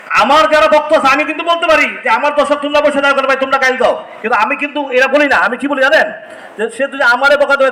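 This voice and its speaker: A man's voice: very high voice, pushed and bright. A man giving a heated, scolding speech at a press event, repeating phrases for emphasis, recorded on a distant mic in an echoey hall. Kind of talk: impassioned press conference speech.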